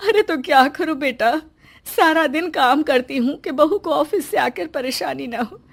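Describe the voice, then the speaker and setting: A patient older mother-in-law from a cartoon story, voiced by a woman. She talks gently and pleads softly. Her voice sits a little high. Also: moderate pace, vocal fry. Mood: pleading. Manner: gentle, soft-spoken, pleading.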